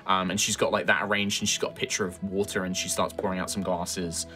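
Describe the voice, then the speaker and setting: A man's voice: deep voice, flat delivery, fast, pushed and bright, faint music behind. A man improvising narration as game master of a tabletop game, addressing the players conversationally.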